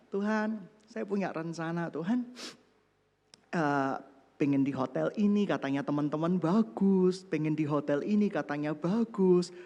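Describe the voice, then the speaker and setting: High-voiced man preaching in a big hall. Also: lo-fi sound. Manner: animated storytelling, acting out his own prayers with swings from soft to loud. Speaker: pastor. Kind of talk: sermon.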